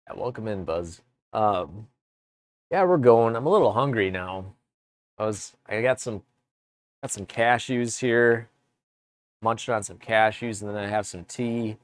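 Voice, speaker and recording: A man streaming live from his woodworking shop, chatting casually with viewers in a relaxed, rambling way. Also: on the low side, slow pace, long pauses, dry recording. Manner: relaxed, rambling, chats with viewers between tasks. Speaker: woodworking livestreamer. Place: home workshop.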